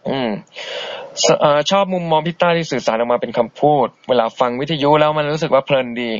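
A man's voice: quick pace, dry recording. A man hosting an internet radio show, chatting politely and easygoingly as he reads out and answers listener messages. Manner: easygoing and polite, chatty, soft-spoken asides. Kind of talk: casual radio chat reading listener messages. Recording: dull, boxy low-bitrate internet radio stream.

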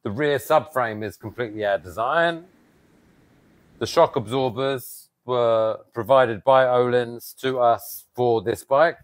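A man's voice: medium pitch, takes it slowly. A man in his thirties, a custom motorcycle builder, talking casually and animatedly outdoors by a garage door on a lapel mic. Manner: animated, explains with hand gestures. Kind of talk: casual show-and-tell.

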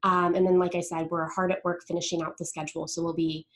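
A woman's voice: on the low side, level tone, fast talker. A woman hosting an online community meetup, presenting informally and upbeat over a video call. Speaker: developer marketing presenter, call host. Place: indoors, remote video call.

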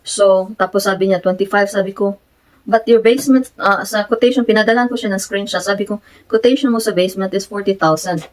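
Filipina vlogger, woman, Filipino accent, mid-pitched, casual Taglish storytelling, emphatic. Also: a little fast, poor audio. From Philippines. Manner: mixes Tagalog and English, retelling conversations; grows animated and emphatic.

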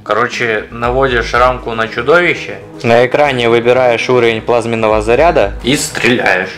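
Young man, medium pitch, scripted skit. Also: fairly even intonation, moderate pace, fairly bright tone. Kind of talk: scripted dialogue in a comic skit. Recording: music behind the voice.

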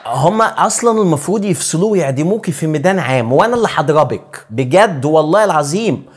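A man's voice: fairly high pitch, lively intonation, quick pace, breathy edge. A man with an Egyptian Arabic accent voicing a snobbish upper-class mother who is haughty, scolding and drops English words into her talk. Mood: indignant.

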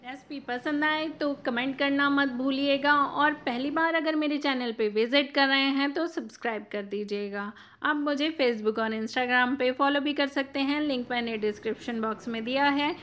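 Bright-voiced woman narrating a recipe. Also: high voice, normal speed, hardly any pauses, a little hiss or hum. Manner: clear step-by-step instructive. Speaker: cooking channel host.

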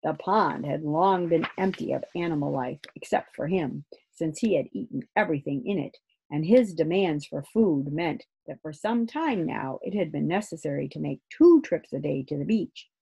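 A woman reading a children's book aloud in a gentle, expressive way. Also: deep voice, moderate pace, creaky, breathy edge. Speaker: storyteller.

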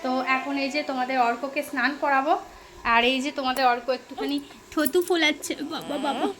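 A woman's voice: sits high, steady tone, fast talker, fairly bright tone. A young woman narrating a casual home vlog, chatting straight to her viewers and cooing baby talk to her son. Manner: chatty, addresses viewers directly. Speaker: vlogger. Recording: noisy home ambience.

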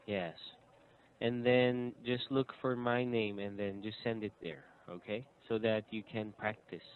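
A man's voice: fairly low pitch, steady tone, a little slow, clear, resonant tone. A man in his thirties teaching an English lesson over a call, patient and encouraging, laughing often. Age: 30s. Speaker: English tutor. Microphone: video call. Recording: tinny phone-like line.

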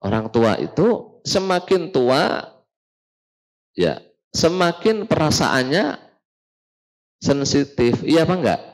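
Lively man giving a casual religious talk. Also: fairly high pitch, slow, long pauses, poor audio. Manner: lively, asks the audience questions and jokes. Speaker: religious teacher. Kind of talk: casual Islamic study talk. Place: study hall with an audience.

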